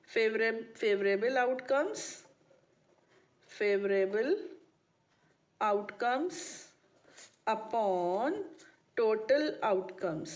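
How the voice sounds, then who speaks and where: A woman's voice: on the high side, darkish tone. A woman teaching a maths lesson to students, often checking that they have understood. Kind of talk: classroom lecture. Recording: dull lo-fi recording.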